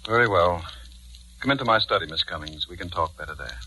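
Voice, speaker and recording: An actor playing a guilt-ridden middle-aged husband in a 1940s radio drama, measured, hesitant and confiding. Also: male voice, low voice, bright, forceful tone, full character voice, low-quality recording. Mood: measured, frank. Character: guilt-ridden husband drawn to his wife's nurse, narrating his confession. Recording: vintage 1940s radio recording, music bed.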